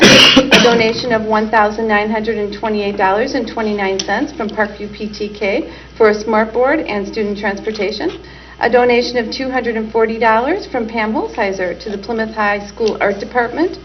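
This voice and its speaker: A woman's voice: fairly high pitch, normal speed, a little hiss or hum. A woman on a school board, reading out items at a meeting with frequent ums. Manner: reads items with frequent fillers. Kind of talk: meeting business. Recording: dull community TV audio.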